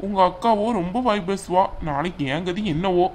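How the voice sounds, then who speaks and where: A woman doing a calm young man. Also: lowish voice, normal speed, a little hiss or hum, natural voice. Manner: reassuring, easygoing. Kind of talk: cartoon voice acting.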